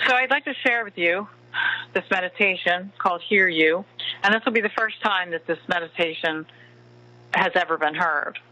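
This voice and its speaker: A man giving a slow inspirational talk in the style of a guided meditation, with deliberate, spaced phrasing and pauses. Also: sits high, bright, forceful tone, poor audio. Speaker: spiritual teacher and meditation host.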